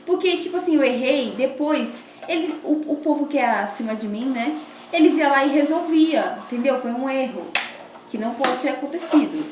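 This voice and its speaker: A young Brazilian woman chatting casually to viewers while she washes dishes, rambling in a lively storytelling way. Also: high voice, normal speed, noisy background. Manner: chatty and rambling, addresses viewers as "gente" and "menina". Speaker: vlogger. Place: home kitchen while washing dishes. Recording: echoey kitchen, clattering dishes and sizzling. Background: dishes clinking and frying.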